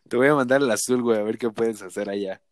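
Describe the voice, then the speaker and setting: Casual Mexican male podcast co-host, joking and foul-mouthed, mid-pitched, recorded dry. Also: a bit bright, dry recording. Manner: slangy, profane, joking. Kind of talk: casual football banter.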